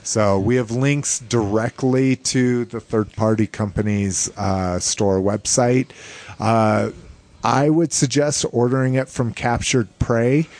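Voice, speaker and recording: A man's voice: mid-range voice, fairly even intonation, slow, a little mellow. A man hosting a casual, informal chat show, talking loosely and with some swearing. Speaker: podcast host. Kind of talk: casual toy news chat.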